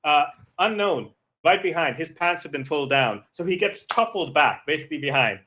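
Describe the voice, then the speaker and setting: Bright-voiced man running a tabletop game. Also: a little high, lively intonation, a little hiss or hum. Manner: quick, loose narration with voiced side characters. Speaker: game master.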